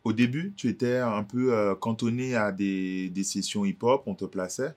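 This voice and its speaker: A man with a deep voice hosts a conversational interview. He asks measured, probing questions and fills his guest's pauses with short acknowledgments. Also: steady tone, darkish tone. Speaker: interview host. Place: indoor cultural space in a bookstore.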